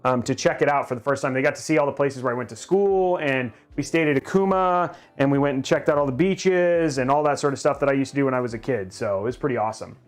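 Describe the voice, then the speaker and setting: A man's voice: mid-range voice, fast talker, few pauses. A middle-aged man hosting a live stream, chatting casually and rambling, often restarting his sentences as he reads viewer questions. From grew up in Japan. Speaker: livestream host.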